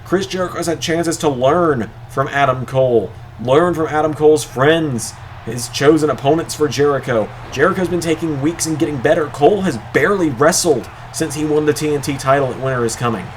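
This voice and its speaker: A man doing play-by-play as a wrestling commentator, excitable, drawing out the calls of the moves. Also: a little high, a little fast, a little hiss or hum. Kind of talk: wrestling commentary of a video game match.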